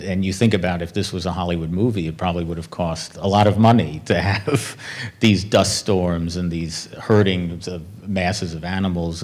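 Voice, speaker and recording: A man moderating a festival Q&A, asking long, winding questions full of restarts. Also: deep voice. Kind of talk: onstage Q&A moderating. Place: film festival stage before an audience.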